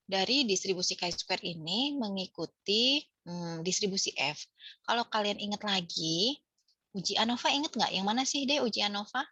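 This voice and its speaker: Indonesian woman lecturer, bright slightly husky voice, dry close sound, patient step-by-step explainer who quizzes her students. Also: medium pitch, no room sound. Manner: explanatory, asks students questions, many fillers. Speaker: statistics lecturer. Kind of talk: online class lecture.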